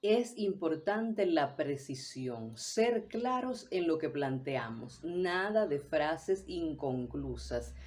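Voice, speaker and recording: Slow, low-voiced woman teaching. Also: lively intonation, a little mellow, a little hiss or hum. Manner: measured, deliberate delivery with brief acted examples. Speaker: voice workshop teacher. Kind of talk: scripted instructional talk.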